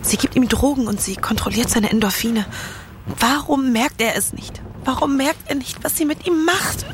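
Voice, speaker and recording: A woman's voice: high voice, moderate pace, background noise, close to an everyday voice. An actress playing an anxious, defiant young woman in a resistance group in an audio drama, with an urgent, emotional delivery. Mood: distressed. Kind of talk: German audio drama acting. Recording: music behind the voice.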